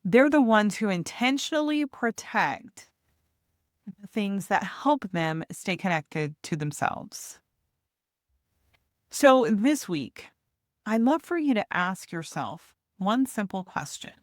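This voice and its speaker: A woman giving a gentle, deliberate motivational talk as a host, pausing reflectively between phrases. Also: medium pitch, very animated, no echo, clean studio sound. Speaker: podcast host and hospice nurse coach.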